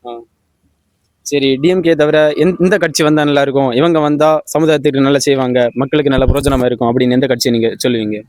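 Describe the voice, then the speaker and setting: A man's voice: medium pitch, fairly even intonation, quick pace, darkish tone, no echo. A man, a vlogger interviewing students and eagerly repeating his questions. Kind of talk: casual street interviews.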